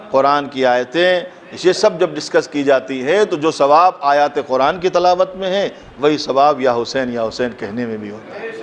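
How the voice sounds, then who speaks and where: At a mosque gathering, a cleric with a fairly high voice delivers an impassioned mourning sermon. He poses rhetorical questions and climbs into a fervent recited couplet.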